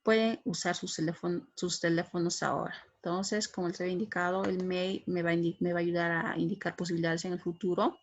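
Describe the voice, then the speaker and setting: Husky-voiced woman teaching English grammar. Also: on the low side, level tone, fast, hardly any pauses. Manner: patient, repeats points with tag questions. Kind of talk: online classroom lesson explaining grammar.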